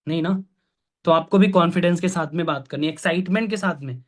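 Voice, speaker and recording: A man coaching a group in an online training session, often checking that they follow and clearing his throat now and then. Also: on the high side, fast. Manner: coaching, repeats "ठीक है?" to check understanding. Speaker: sales trainer.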